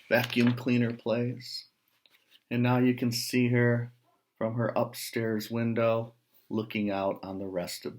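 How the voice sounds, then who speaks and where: This man, at a medium pitch, reads aloud from a picture book for kids. He pauses after each short phrase and slips in casual asides and questions.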